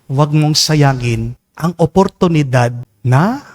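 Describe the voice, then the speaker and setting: A Filipino priest preaches his homily with a fairly high-pitched voice. His delivery swells with passion and climbs to near-shouts. It is a spoken sermon at Mass. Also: lively intonation, slow.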